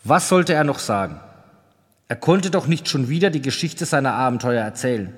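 A man's voice: medium pitch, lively intonation, moderate pace, slightly rough. Man narrating a storybook, long reverb. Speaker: audiobook narrator. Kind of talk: scripted narration.

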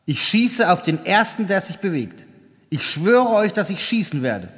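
A man's voice: high voice, sing-song, slow pace, a bit bright, big-room sound, exaggerated voice. A man voicing a tense figure hiding from riders, talking in an urgent, insistent way. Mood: loud threatening.

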